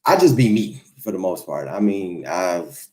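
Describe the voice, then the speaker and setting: A relaxed man in his forties talks to his live audience in a lowish voice. His pitch jumps up and down a lot as he rambles easygoing and friendly. He answers comments off the cuff on a home livestream. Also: unhurried. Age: 40s. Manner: easygoing, rambling, laid-back. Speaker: YouTube creator hosting a livestream. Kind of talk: casual livestream chat reading comments. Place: home, Los Angeles.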